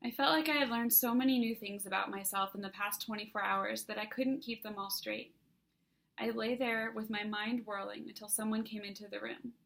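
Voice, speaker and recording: Woman reading a story, slightly gravelly. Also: mid-range voice, steady tone, moderate pace, a bit bright. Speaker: author reading her own book. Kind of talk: first-person audiobook narration.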